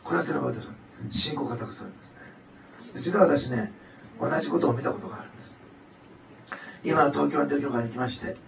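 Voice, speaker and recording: A man preaching a sermon, animated and emphatic, swinging between loud declarations and soft asides. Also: mid-range voice, quick pace, vocal fry, pauses often, recorded from a distance, crowd noise. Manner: animated, rising to loud emphatic passages then dropping soft. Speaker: pastor. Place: church hall. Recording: echoey hall, mic some way off.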